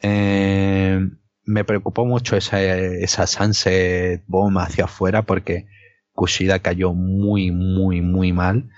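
A man with a deep voice and little melody chats through his opinions on wrestling. He is hesitant and often repeats words. The recording is dull and lo-fi. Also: flat delivery, slow, darkish tone, dry recording. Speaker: wrestling show co-host. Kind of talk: casual wrestling review and opinion. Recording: dull, lo-fi, dry microphone sound.

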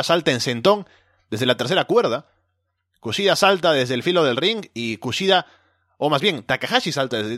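Higher-voiced man recapping wrestling like a commentator. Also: a bit bright, dry recording, clean studio sound. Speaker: wrestling show co-host. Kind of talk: wrestling commentator's scripted move-by-move match recap.

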